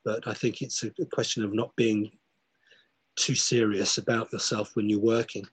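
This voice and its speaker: A man's voice: on the low side, little pitch movement, moderate pace, breathy edge, no room sound. A middle-aged man in casual chat, reflective and full of restarts as he tells a story. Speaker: podcast guest.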